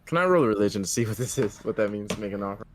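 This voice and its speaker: A man with a fairly low voice plays in a tabletop game. He chats casually and informally, using slang as he describes his moves. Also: animated, rapid-fire, slight background noise. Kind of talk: casual chat during play.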